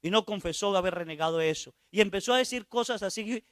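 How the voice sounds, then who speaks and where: A man, a priest, telling a story in a sermon. He drops into quiet asides and puts rhetorical questions to his listeners. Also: high-pitched, fast, clear, resonant tone, no echo.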